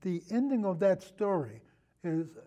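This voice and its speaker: In a laid-back conversation about films, the podcast guest, an older longtime radio host, speaks in a distinctly high yet mellow, easygoing voice. His remarks wander and stall, often ending in "et cetera."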